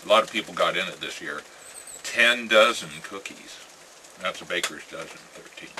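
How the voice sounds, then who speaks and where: An American man chatting casually in a rambling vlog, musing and halting, with phrases that trail off. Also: low voice. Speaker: pipe-smoking vlogger. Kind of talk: casual rambling chat to camera. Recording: clear ambient noise with birdsong.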